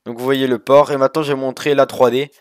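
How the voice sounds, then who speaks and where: A man talks through a game on his screen in a loose, rambling way, full of fillers and false starts. His voice sits at an ordinary middle pitch. The sound is dry and close. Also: level tone, quick pace, dry recording. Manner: rambling, many fillers and restarts. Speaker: gaming youtuber. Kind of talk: casual screen-recorded game walkthrough.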